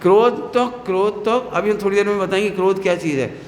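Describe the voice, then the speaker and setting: A man's voice: high-pitched, a little fast, slight background noise. A man teaching a class of children as a religious teacher, playful and full of questions for the class, sometimes acting out scolding mothers and teachers. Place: hall with children. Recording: echoey hall with long reverb.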